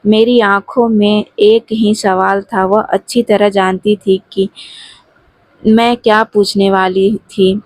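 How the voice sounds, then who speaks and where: A woman narrating a sad first-person story in a calm, steady way. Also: medium pitch, slow, dry recording.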